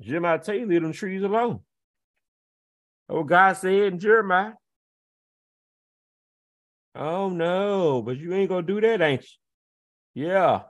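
A man with a high voice rants straight at his audience. He taunts them with rhetorical questions, scoffs and laughs, then drops into low, slow muttering. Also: a bit bright. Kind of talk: confrontational rant to camera.

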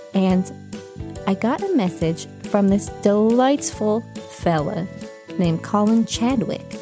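A woman hosting a podcast in a casual chat, with a wry, playful, deadpan humor. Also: mid-range voice. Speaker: podcast host.

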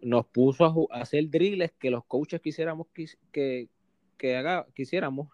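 A young man with a Puerto Rican accent telling stories casually in an interview, animated and full of restarts. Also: on the high side, moderate pace, no room sound, highs cut off. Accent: Puerto Rican Spanish. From Puerto Rico. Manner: animated, acts out quotes with restarts. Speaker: guest, basketball player.

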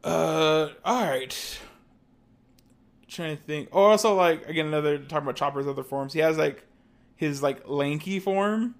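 A young man co-hosting a podcast in casual chat, often pausing to search for words. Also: fairly high pitch. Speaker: podcast co-host. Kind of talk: casual chat about an anime.

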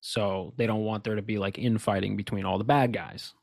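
This podcast co-host's voice is on the low side, creaky and darkish, with a steady tone and a fairly quick pace. Hiccuping through a casual conspiracy discussion, he rambles emphatically, restarting often and adding asides, on a dry, clean studio recording.

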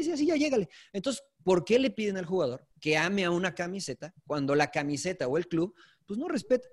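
A man with a Mexican accent and a notably high-pitched voice pushes his case in a loose sports-talk debate. He speaks emphatically, cutting in, retelling stories and pressing questions on his co-hosts. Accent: Mexican Spanish. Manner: argumentative, storytelling, emphatic. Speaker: podcast co-host, sports commentator. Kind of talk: heated casual debate.

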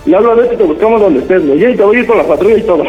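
A man's voice: high voice, animated, rapid-fire, dull audio, soft background music. A man with a Mexican accent, angry and insistent, swearing as he demands answers. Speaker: prank call victim.

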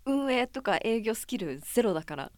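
A woman's voice: a little high, big pitch swings, moderate pace, no echo. Playful woman co-host, dry sound. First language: English. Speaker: radio personality. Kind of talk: casual chat among co-hosts.

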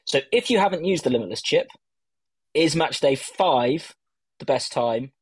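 A man hosts a casual fantasy football podcast in a husky voice. He banters and pokes fun at himself. The audio is dry but low quality, like a stream without a proper microphone. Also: expressive, moderate pace, dry recording. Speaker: host of a fantasy football show. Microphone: stand-in mic, not his usual one.

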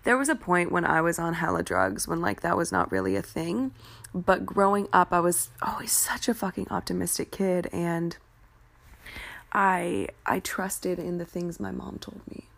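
Here the woman hosting the confessional podcast sounds fairly low and a bit bright, with vocal fry, speaking animatedly at normal speed. Her personal stories come out frank and informal, with casual cursing.

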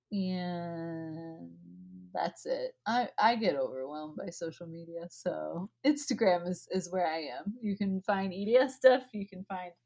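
A young woman chatting casually on a podcast as a guest, laughing often and using lots of fillers. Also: mid-range voice.

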